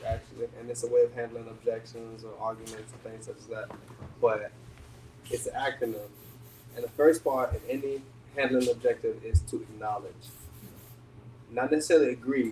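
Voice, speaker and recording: A man in a casual group podcast chat, explaining his point calmly and step by step. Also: medium pitch. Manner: calm, explanatory. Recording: echoey room, mic at a distance, faint noise.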